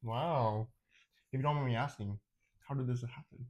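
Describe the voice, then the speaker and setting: A man's voice: medium pitch, moderate pace, a little mellow, highs cut off. A young man in his twenties raised in Georgia, hosting a casual chat over food in a playful, joking way. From raised in Georgia, USA. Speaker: host. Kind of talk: casual podcast chat while eating.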